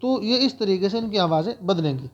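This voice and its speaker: A man teaching a spoken alphabet lesson, going through letters slowly and repeating each sound. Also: high voice, lively intonation, muffled recording. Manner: slow, repetitive letter-by-letter explaining.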